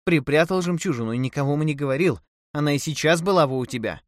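A man's voice: on the high side, a little fast, pitched above the performer's own voice, lightly acted. A man voicing a quarrelsome, frightened island wife in an audiobook, nagging and wailing.

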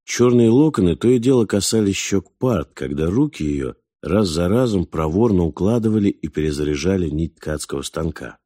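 A man reading a novel aloud as audiobook narrator, in a calm, measured, unhurried manner. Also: low voice, dry recording, clean studio sound. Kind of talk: scripted narration.

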